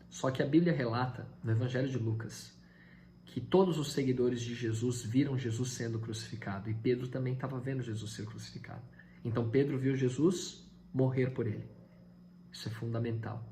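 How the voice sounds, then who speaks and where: A pastor preaching a Sunday sermon, retelling Bible dialogue with voices and building to loud, high peaks. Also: male voice, a little hiss or hum.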